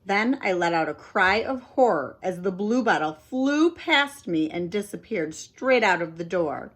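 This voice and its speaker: A woman reading a children's chapter book aloud with animated, dramatic expression. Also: mid-range voice, unhurried. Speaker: storybook reader. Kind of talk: expressive read-aloud narration.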